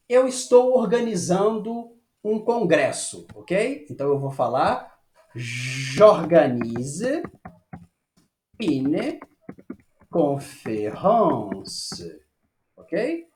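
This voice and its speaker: A man teaching a French lesson, patiently checking with "ok?" and slowing down to model phrases. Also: sits high, very animated, darkish tone, slight background noise. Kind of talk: online language lesson. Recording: echoey room.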